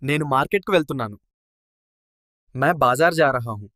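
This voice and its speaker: A man voicing the answering side of a lesson dialogue in a slightly raised, bright tone. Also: mid-range voice, expressive, moderate pace, no echo, clean studio sound, voice pushed up, lightly acted.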